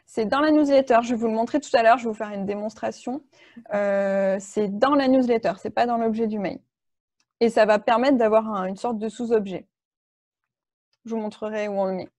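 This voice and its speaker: A woman's voice: a little high, moderate pace, darkish tone, no echo. A woman leading an online workshop, explaining step by step with frequent fillers and restarts. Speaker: workshop trainer.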